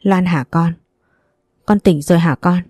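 A woman's voice: lowish voice, measured pace, a little mellow, dry recording, clean studio sound. A woman voicing a middle-aged mother who talks in a choked, sobbing voice. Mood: tearful.

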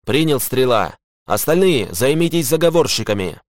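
Guy doing a tense squad soldier, high clipped radio calls, dry sound. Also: big pitch swings, moderate pace, dry recording, natural voice. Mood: urgent, tense.

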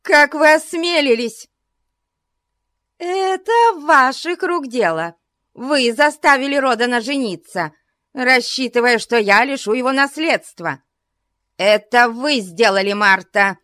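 A woman's voice: sits high, lively intonation, slow, pushed and bright, dry recording, pitched above the performer's own voice, heavily acted. A rich old spinster shrieks and commands in a voice pushed far up and swinging wildly, as a woman reads her part. It is dry and close, with no room around it. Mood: furious. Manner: shrieking, imperious.

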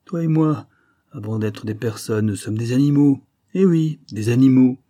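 A man's voice: mid-range voice, moderate pace, mellow, no echo, voice pushed up, close to an everyday voice. A man voicing a mocking, lecherous police chief in an audiobook. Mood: smug leering. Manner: smug, mocking.

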